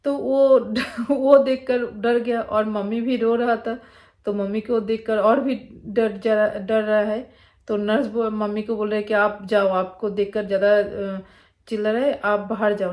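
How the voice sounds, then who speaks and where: Telling a personal story, this Bengali-accented vlogger from Bengal, India, has a fairly high, slightly mellow voice. Her delivery is casual and meandering, with plenty of fillers and restarts.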